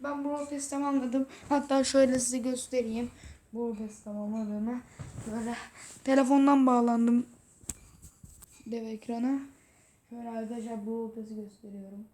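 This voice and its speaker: A woman hosting a gaming video, commenting excitedly as she plays and talking to the game. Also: on the high side, moderate pace, long pauses. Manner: excitable, talks to the game, frequent exclamations. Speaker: gaming channel host. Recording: roomy echo.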